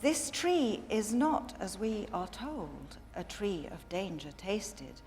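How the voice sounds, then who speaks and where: Give me a woman playing an eager, persuasive Eve, spoken slowly in verse with a long reverberant tail. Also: medium pitch. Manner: measured, earnest verse delivery. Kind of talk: dramatic verse reading.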